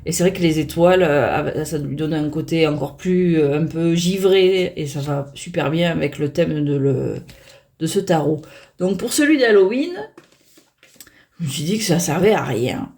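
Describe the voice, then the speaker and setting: Woman, casual unboxing host; lowish, fry-edged voice; hesitant, self-mocking, fillers throughout. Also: moderate pace, mellow. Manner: chatty, hesitant, many fillers and restarts. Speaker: tarot deck reviewer.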